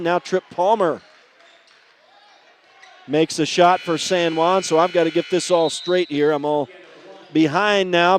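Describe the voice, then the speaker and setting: A man calling a high school basketball game play-by-play, chatty and often correcting himself on air. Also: a little hiss or hum. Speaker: play-by-play announcer.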